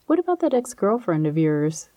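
A woman's voice: lowish voice, sing-song, normal speed, mellow, dry recording, clean studio sound. A woman voicing a skeptical adult sister who teases and mocks her brother, in a storybook reading. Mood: teasing. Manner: teasing, amused.

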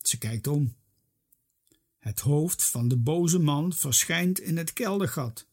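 Storyteller, children's story read-aloud, husky, slow, expressive. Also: medium pitch. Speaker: narrator.

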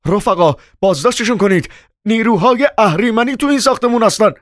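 A man voicing a panicky middle-aged male building manager who shouts frantically. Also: high voice, lively intonation, no echo, studio quality, voice pushed up. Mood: panicked.

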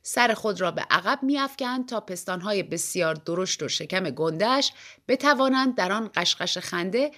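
A woman narrating a short story as an audiobook reader, in a lively, animated first-person telling. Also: mid-range voice.

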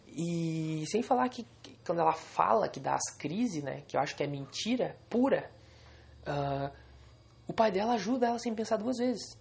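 A man's voice: sits high, animated, moderate pace, creaky, a little mellow. A young man venting angrily and swearing on a solo podcast recorded alone at home.

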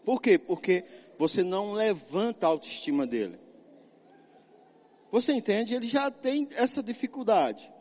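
High-voiced middle-aged male pastor preaching. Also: very animated, a little slow, a little mellow, in a large hall. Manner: emphatic, asks and answers his own questions. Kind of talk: sermon.

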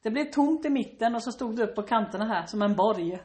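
A woman's voice: fairly high pitch, expressive, darkish tone. A woman in improvised comic banter, rambling, teasing and swearing freely.

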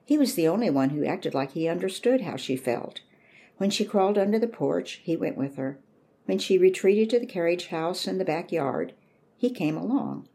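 Storybook narrator, a woman, low and mellow, steady and measured. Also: husky.

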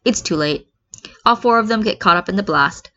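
A woman narrates fan fiction aloud as an amateur, bringing expressiveness to the story. Her medium-pitched voice is bright and forceful, at a normal speed. Sound quality is lo-fi and slightly muffled.

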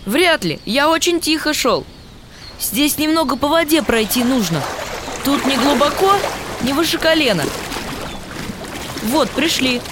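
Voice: sits high, animated, unhurried, long pauses, background noise. A performer playing an eager, observant schoolboy who earnestly reports his finds in a radio adventure drama. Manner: earnest, reporting what he has found.

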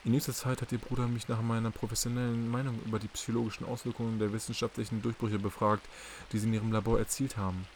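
Smooth quiet shrink guy, low voice, courteous and measured, as a male reader does him. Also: flat delivery, slight background noise, close to an everyday voice. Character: smooth, polite male psychiatrist, quietly calculating. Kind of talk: audiobook character reading.

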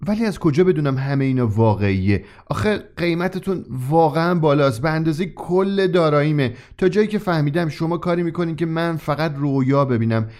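A man's voice: fairly high pitch, lively intonation, few pauses, darkish tone, voice pushed up, close to an everyday voice. A male narrator plays a shy young customer in a storybook reading, polite and full of doubt. His voice sits well above the narrator's own and stays hesitant. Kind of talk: audiobook character reading.

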